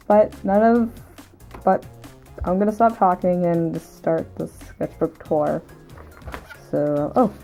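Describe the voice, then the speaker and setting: Mellow-voiced young woman rambling with giggles. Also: deep voice. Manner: rambling, giggly, self-mocking. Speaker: artist showing old sketchbook. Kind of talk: casual vlog narration.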